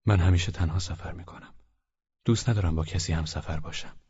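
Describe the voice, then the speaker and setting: A man reading the lines of a quiet, reserved woman who travels alone, with soft, terse replies. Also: sits low, slightly rough, lo-fi sound.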